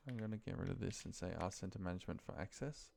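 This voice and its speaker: An office trainer shows a data task in a casual screen-share walkthrough, recorded indoors at a computer. His voice is low-pitched, fast, gravelly, and a little mellow as he thinks aloud and mutters to himself in short phrases.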